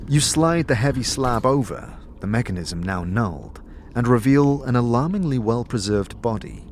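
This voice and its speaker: In this audio series, the narrator, who also voices a game character, tells a fantasy story dramatically and descriptively, shifting his emphasis as he goes. He has a mid-range, darkish voice with lively intonation and a moderate pace, plus slight background noise.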